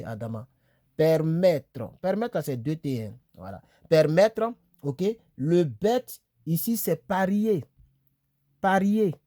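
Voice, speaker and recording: A man teaches English verbs in a relaxed, chatty way, repeating each word slowly and checking that his viewers follow. His voice is mellow and dark, and it sounds close and dry, as if filmed on a phone in a small room. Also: mid-range voice, no echo. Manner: chatty, repeats words slowly, asks "tu vois, non?". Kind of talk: casual video lesson.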